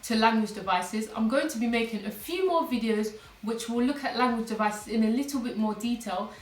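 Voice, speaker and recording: A woman English teacher explains her lesson clearly and patiently, one step at a time. Her voice sits somewhat high. She is recorded a little away from the microphone in a room with noticeable echo. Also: a little fast, recorded from a distance. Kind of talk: online lesson. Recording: echoey room, voice a little off-mic.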